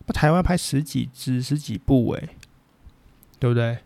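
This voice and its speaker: A man's voice: mid-range voice, moderate pace, darkish tone, no room sound. A man with a Taiwanese Mandarin accent talking as a podcast host, rambling bluntly through a casual opinion chat and swearing freely.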